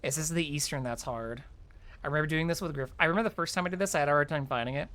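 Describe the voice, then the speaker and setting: Talking very fast at medium pitch with a slightly bright tone, a streamer plays through an online game, explaining every step. The commentary is chatty and informal, with thinking aloud and a bit of mild cursing.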